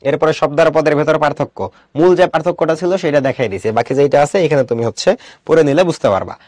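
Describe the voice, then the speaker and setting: A man's voice: a little high, fast talker, darkish tone, no room sound, studio quality. A young adult man teaching an online class, explaining step by step and asking his students questions.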